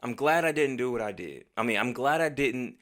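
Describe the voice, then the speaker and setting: Fairly quick and medium-pitched, an American man vlogs a casual personal anecdote. Heavy profanity and slang fill his lively retelling, and he performs pieces of dialogue throughout.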